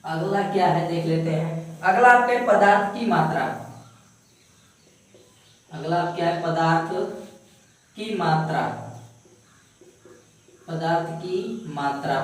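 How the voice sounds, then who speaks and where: Male science teacher, drills terms by quizzing himself aloud; fairly high voice, heavy room echo, mic far off. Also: fairly even intonation, slow pace, pauses often. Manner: asks himself questions and repeats key terms. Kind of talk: classroom-style science lecture.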